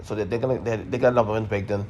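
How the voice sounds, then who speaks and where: A man's voice: on the low side, fairly even intonation, rapid-fire, a little mellow, dull audio, a little hiss or hum. A man hosting a sports podcast, giving a casual, emphatic recap with blunt opinions and repeated points. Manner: emphatic, opinionated, repeats himself, mild swearing.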